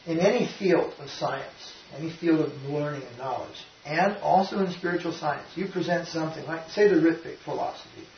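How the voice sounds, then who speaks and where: A man's voice: fairly high pitch, moderate pace, hardly any pauses. An older man, a spiritual teacher, giving an informal devotional talk in a rambling, emphatic way with frequent restarts. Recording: roomy, distant, dull lo-fi sound with faint noise.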